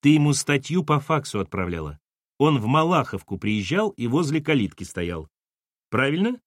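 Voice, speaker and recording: Man reading a calm, methodical questioner. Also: medium pitch, no room sound, studio quality, close to an everyday voice. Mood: questioning. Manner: measured, dryly questioning.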